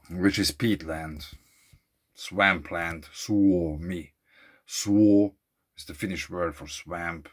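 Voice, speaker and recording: A man with a very low voice talks through a casual vlog recorded outdoors by a lake. He reads out facts, then drifts into rambling asides, thinking aloud as he goes and trailing off. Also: fairly bright tone. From Switzerland. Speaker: vlogger. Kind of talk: casual musing monologue. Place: outdoors at a lakeside beach.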